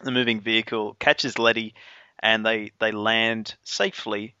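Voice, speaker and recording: A man in relaxed film chat, asking questions with many fillers. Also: on the low side, unhurried, smooth, no room sound, highs cut off. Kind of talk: casual film discussion.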